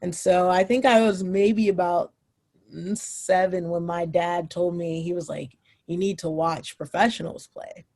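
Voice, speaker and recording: A woman's voice: on the low side, fairly even intonation, unhurried, darkish tone. A young woman, a former college footballer, casually telling her story as a podcast guest, with many fillers and restarts.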